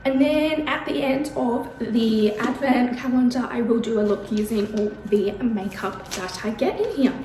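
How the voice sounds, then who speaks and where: An Australian vlogger talks casually to camera from her bedroom, a little out of breath from pain and saying "um" often. Her voice is on the high side and dark in tone, a little slow, with hardly any pauses. The room is echoey, with slight background noise.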